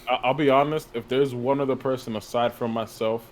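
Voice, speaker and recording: A young man with a mid-pitched voice trades blunt, teasing banter as a podcast co-host. His casual talk carries clear background noise behind it. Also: fairly even intonation, fairly quick. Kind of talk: casual chat.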